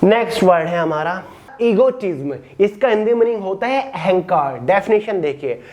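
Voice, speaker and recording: Male teacher, online vocabulary lesson, slow English definitions, friendly address. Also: high voice, expressive, a little mellow, lo-fi sound. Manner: explains in Hindi, reads English definitions slowly; addresses listeners as friends and brother. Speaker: exam-prep teacher.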